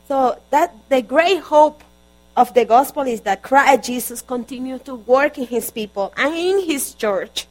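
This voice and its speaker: A Colombian woman with a Spanish accent preaches a sermon in her second language. Her voice sits fairly high, and her delivery is earnest, with frequent halting restarts. A faint electrical hum runs underneath. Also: rough recording. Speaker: guest preacher.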